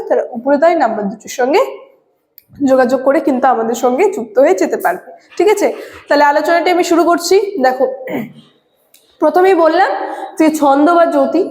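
Female teacher with a high voice, patient explainer, echoey classroom with long reverb. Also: darkish tone. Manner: explains patiently, often adds tag questions. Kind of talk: classroom lecture.

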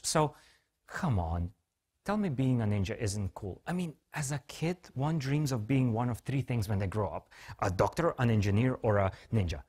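A man's voice: mid-range voice, darkish tone, husky. A man presenting a product launch in a scripted, joking way, full of playful self-mocking asides.

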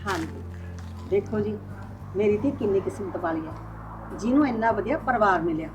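A woman's voice: mid-range voice, normal speed, natural voice, low-quality recording. An actress with a Punjabi accent playing the polite, emotional mother of the bride in a family drama. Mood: grateful. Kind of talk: village family drama acting. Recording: background music.

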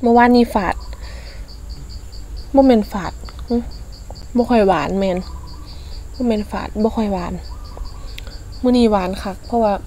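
A woman with an Isan accent chatting casually as she eats in a food vlog, using soft polite particles. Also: on the high side, measured pace, pauses often, a little hiss or hum. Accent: Isan (Northeastern Thai). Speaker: food vlogger.

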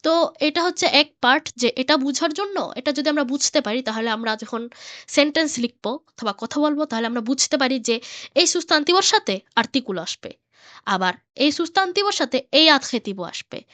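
High-voiced woman explaining her Spanish book. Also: lively intonation, moderate pace, a bit bright, no echo. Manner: chatty, explains step by step with many fillers. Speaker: Spanish teacher and book author. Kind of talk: casual explanatory lesson.

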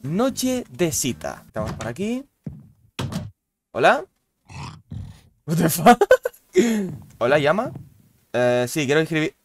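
Swearing, excitable young gamer. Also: male voice, on the high side, slow pace, long pauses, faint music behind. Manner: swears a lot, loud baffled outbursts. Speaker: gaming youtuber. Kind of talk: casual gameplay commentary.

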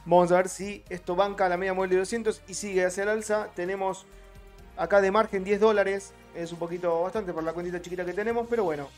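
A man's voice: high-pitched, steady tone, quick pace, a little mellow. A man with a Rioplatense Spanish accent, streaming live, chatty and greeting viewers in the chat by name. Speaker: trading streamer. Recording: faint music behind.

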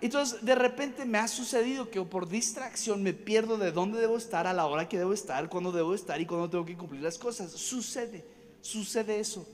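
High-voiced, animated preacher in a reverberant hall. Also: male voice, moderate pace. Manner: animated, rambling, jumps between stories; jokes and acts out voices. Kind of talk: storytelling sermon. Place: conference hall stage. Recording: reverberant hall, faint ambience.

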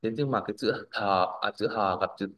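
A man's voice: lowish voice, brisk, a bit bright, poor audio. A male language teacher, leading a classroom pronunciation drill. He models words, corrects students, and keeps checking that they follow.

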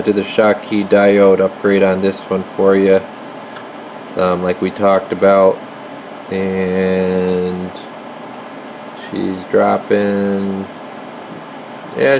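A deep, slow male voice belongs to a radio repair technician hosting a casual workbench video, muttering to himself as he goes. The indoor workshop is noisy with a steady hum, picked up by a handheld camera held behind the lens.

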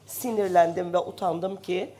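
This female parliamentarian has a lowish voice, fairly even intonation, and a somewhat slow pace. Slightly ill, she delivers an impassioned, indignant speech at a rostrum microphone in the chamber, climbing to loud emphasis.

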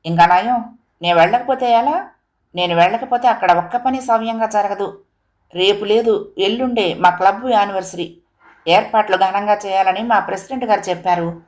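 A woman's voice: mid-range voice, normal speed, natural voice. A woman voicing a proud, defiant young wife who answers back sharply. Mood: dismissive. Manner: sharp, scornful retorts.

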